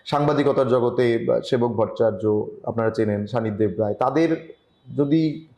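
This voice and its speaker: A man from Tripura, India, giving earnest advice as a journalist guest in an online interview, often pausing and restarting. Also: medium pitch, warm tone, echoey room. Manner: earnest, advising, with frequent hesitations. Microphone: video call.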